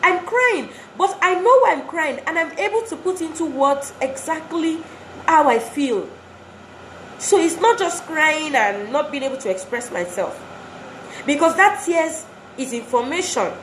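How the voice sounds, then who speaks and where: A woman's voice: sits high, lively intonation, measured pace, a bit bright. A woman giving an earnest motivational talk to wives, exhorting and repeating phrases for emphasis. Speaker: speaker addressing wives. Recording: roomy echo, faint background noise.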